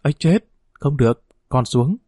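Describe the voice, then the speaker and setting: A man's voice: mid-range voice, animated, moderate pace, dark tone, husky, no echo, clean studio sound. A man reading the part of a young guerrilla commander, speaking in curt, urgent commands. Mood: commanding.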